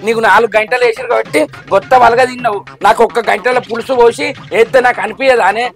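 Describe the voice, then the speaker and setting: Brief: high-pitched man, nagging comic grumbler, faint music under him. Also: steady tone, quick pace, creaky, a bit bright. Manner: grumbling, scolding, repeats his complaints. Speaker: comic actor. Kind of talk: village comedy sketch.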